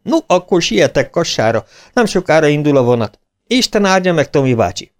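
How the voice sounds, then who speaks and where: A man's voice: on the high side, sing-song, voice pushed up. A man voicing a young English football captain, a shipowner's son, who talks eagerly and asks questions.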